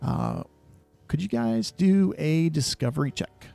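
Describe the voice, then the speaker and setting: A man narrating a tabletop game as game master, describing scenes in a measured way with many fillers. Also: on the high side, animated, creaky, mellow, no room sound, faint music behind.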